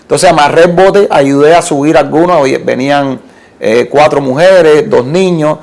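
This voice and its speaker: Gravelly Cuban man telling his story. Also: a little high. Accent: Cuban Spanish. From Cuba. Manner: animated storyteller, halting restarts and repeated words. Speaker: interview guest, art collector. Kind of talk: storytelling in a conversational interview.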